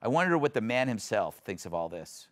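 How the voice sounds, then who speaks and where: A man's voice: fairly low pitch, big pitch swings, brisk, a bit bright. A man hosting a comedic panel talk show, teasing his guests in a sardonic manner.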